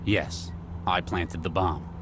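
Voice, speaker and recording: A grave, remorseful male agent in a sci-fi game. His voice is very low, measured and earnest, with clear noise behind it. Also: steady tone, a bit bright. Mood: calm, persuasive. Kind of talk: video game voice acting.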